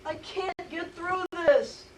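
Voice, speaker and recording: A woman's voice: extremely high pitch, takes it slowly, far from the mic, a little hiss or hum, low-quality recording. A woman acting a grieving, guilt-ridden teenage boy in a school stage play, distraught and stammering. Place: school stage, recorded from the hall.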